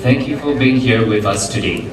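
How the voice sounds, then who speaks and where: A man testing the microphone and rehearsing a formal welcome, his voice heard through loudspeakers at an outdoor rally. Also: mid-range voice. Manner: slow, formal announcing. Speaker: rally emcee. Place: outdoor political rally ground. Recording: echoey loudspeaker sound from far off, loud crowd.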